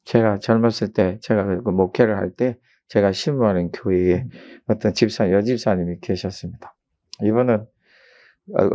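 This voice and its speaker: A middle-aged male pastor preaching a sermon, telling a story and rising to loud emphatic peaks. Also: lowish voice, highs cut off.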